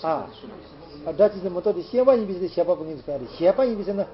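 A man with a high-pitched voice talks casually, circling back over the same phrases with many fillers. The sound is dull and lo-fi, like an old home recording. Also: animated, very fast, a little hiss or hum. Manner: rambling, repetitive, many fillers. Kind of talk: casual chat.

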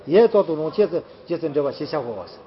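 A man with a high-pitched voice talks casually, circling back over the same phrases with many fillers. The sound is dull and lo-fi, like an old home recording. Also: lively intonation, fast talker. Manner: rambling, repetitive, many fillers. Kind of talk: casual chat.

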